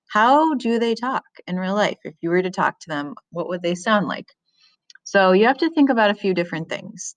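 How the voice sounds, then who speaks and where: A woman's voice: fairly low pitch, no room sound. A woman teacher giving a recorded writing lesson, explaining casually with frequent ums.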